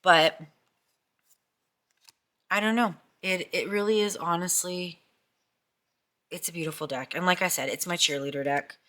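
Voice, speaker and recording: A woman's voice: lowish voice, unhurried, long pauses, fairly bright tone. A middle-aged woman chatting casually about tarot decks, gushing and often repeating herself. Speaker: tarot vlogger. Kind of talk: casual chat.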